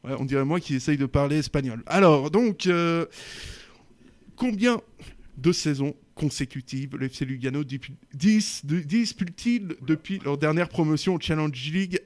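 A man hosting a casual football quiz among friends, teasing the players and pausing often with fillers. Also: on the high side. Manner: teasing, hesitant with many fillers. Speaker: quiz host.

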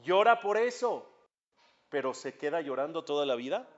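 In a dull lo-fi recording, a man with a slightly high voice teaches a religious lesson as a rabbi at a moderate pace. He is an animated storyteller, acting out dialogue and putting questions to his listeners.

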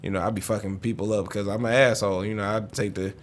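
A man's voice: lowish voice, level tone, fast talker, a little hiss or hum. A young man, chatting casually and profanely as a podcast co-host, telling stories. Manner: laid-back, profane, storytelling. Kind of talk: casual chat.

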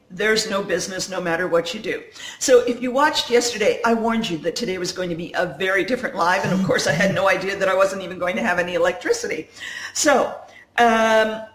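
A coach livestreams from home in her condo, recording indoors on her phone and addressing viewers in relaxed, unscripted conversation. She has a medium-pitched, slightly bright voice, and the sound is roomy with echo.

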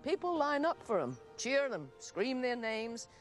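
An older actress giving a gentle, earnest, heartfelt monologue in an unhurried way. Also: female voice, a little high, sing-song, faint music behind.

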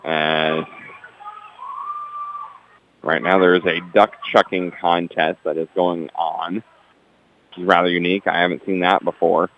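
A man calling a local basketball game on the radio, reading scores and station promotions in a steady, dense announcer delivery with a broadcast sound. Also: low-pitched, unhurried, long pauses, highs cut off, slight background noise.

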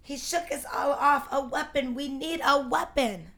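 A fretful female alien villain, as a man plays her in a comic read-aloud. She speaks in a thin, strained falsetto, very high and rather soft. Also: measured pace, gravelly, heavily acted. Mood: alarmed.

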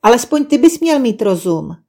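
A woman's voice: mid-range voice, dark tone, close to an everyday voice. A woman voicing a weary, sceptical female owl who sighs and scolds the other animals in a storybook tale. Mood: scolding. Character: grumpy wise female owl, scornful and weary.

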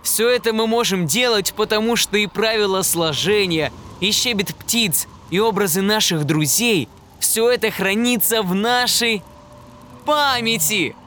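Proud, eager storybook professor, raised bright pitch, a man voicing him, slow delivery. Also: a little hiss or hum. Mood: excited. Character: clever proud male professor of thinking.

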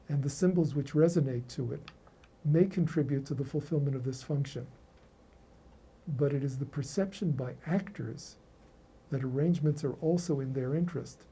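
Casting: male academic lecturer, professorial and erudite, formal measured reading, deeply mellow, husky tone. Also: poor audio.

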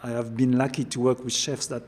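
In an interview conversation, an older French chef with a French accent speaks fairly quickly and with flat delivery. His voice is mid-range and a little mellow, and he frequently repeats words as he hunts for how to say things.

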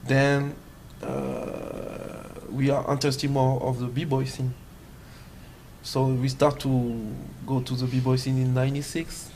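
A man from France with a French accent, a guest dancer telling his story in halting English full of fillers. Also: medium pitch, a little mellow, a little hiss or hum. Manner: halting non-native English with many fillers. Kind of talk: casual interview.

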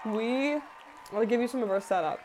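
A woman's voice: a little high, normal speed, a little mellow, slight background noise. Woman co-host, casual chat, dry jokes, video call audio. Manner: dry joking, lots of agreeing fillers. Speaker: podcast co-host.

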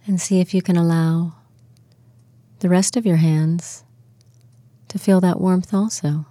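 Speaking slowly and softly, a woman guides listeners through a relaxation exercise with soothing instructions. Her low, mellow voice keeps a fairly even intonation. The recording is close and dry, with no room sound or echo.

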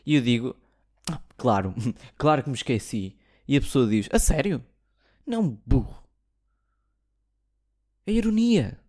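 A man's voice: medium pitch, normal speed, darkish tone. A young man from Portugal with a European Portuguese accent, ranting in a casual comic monologue, sarcastic and swearing freely. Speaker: comedy podcaster.

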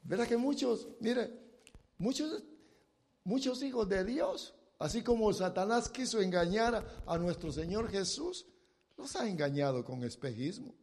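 A man's voice: high-pitched, lively intonation, unhurried, husky, long reverb tail. A man preaching a sermon in a dramatic style, acting out scenes and pleading voices as he speaks. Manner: dramatic, acts out the blind man's shouted pleas.

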